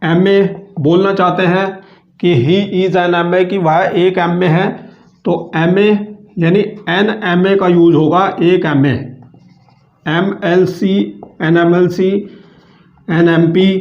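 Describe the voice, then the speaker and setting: A male teacher giving a grammar lesson, who explains patiently, repeats himself slowly and keeps addressing viewers as friends. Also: sits high. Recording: echoey room, dull lo-fi sound.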